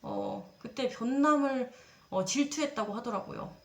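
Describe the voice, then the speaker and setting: A woman's voice: a little high, measured pace. A young woman in her twenties telling a personal dating story in a casual, confessional way, chatting straight to her viewers and acting out what people said. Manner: chatty, dramatizes quoted lines, addresses viewers directly. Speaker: storytelling creator. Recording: roomy echo.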